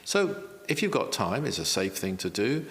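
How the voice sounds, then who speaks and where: A man's voice: lowish voice, sing-song, normal speed, fairly bright tone, long reverb tail. A man, a spiritual teacher and author, explaining in an earnest interview style, repeating key phrases with self-deprecating asides.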